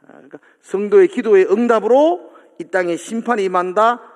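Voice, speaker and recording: A man's voice: sits high, brisk. A male pastor preaching a sermon in a church, earnest and emphatic, often asking his congregation for agreement. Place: church sanctuary. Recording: long hall reverb.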